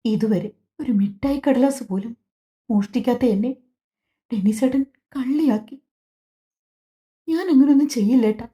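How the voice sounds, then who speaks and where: Woman doing a gentle young pregnant wife, pleading, raised pitch, dark mellow tone, audiobook dialogue. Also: normal speed, long pauses, close to an everyday voice. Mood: tearful pleading. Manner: pleading, tearful.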